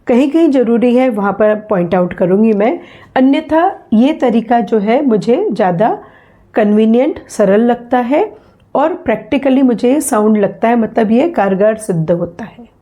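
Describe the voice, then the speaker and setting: A woman teaching English phonetics in a slow spoken lesson, patiently repeating sounds and example words for her learners. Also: fairly high pitch, expressive, mellow, highs cut off.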